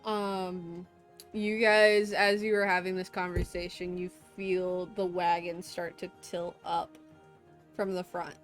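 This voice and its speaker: Woman running a tabletop game, slow and hesitant, lots of ums. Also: fairly low pitch, level tone, soft background music. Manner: slow, halting narration with fillers. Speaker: game master.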